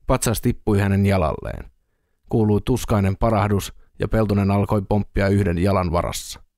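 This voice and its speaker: A man reading an audiobook in a steady, even storytelling manner, close to the mic. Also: fairly low pitch, dry recording. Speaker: audiobook reader. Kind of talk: audiobook narration.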